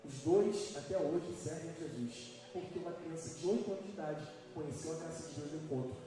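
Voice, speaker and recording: A man's voice: fairly high pitch, brisk, mellow. A man preaching a live sermon as pastor, emphatic and questioning his congregation. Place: church hall. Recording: echoey hall from far off, music behind.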